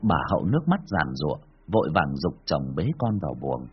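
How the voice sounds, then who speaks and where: A man narrating a ghost story in a dramatic, animated storytelling manner. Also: extremely low pitch, a little fast, highs cut off, a little hiss or hum.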